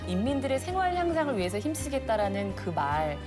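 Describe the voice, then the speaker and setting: A woman presents as a talk show co-host with a fairly high, expressive voice. Her delivery is composed and polished for broadcast. Loud music plays behind her. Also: fairly quick.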